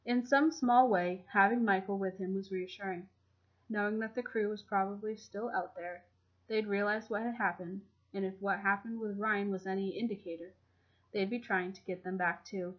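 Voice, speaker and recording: A woman reading a fan fiction chapter aloud in a steady, even storytelling manner. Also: mid-range voice, moderate pace. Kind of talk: audiobook narration. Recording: dull lo-fi home recording.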